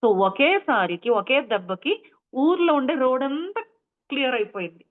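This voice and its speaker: A woman's voice: high voice, expressive, normal speed. A woman meditation teacher retelling a story in a chatty, explanatory way, full of asides. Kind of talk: storytelling talk. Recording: tinny phone-like line.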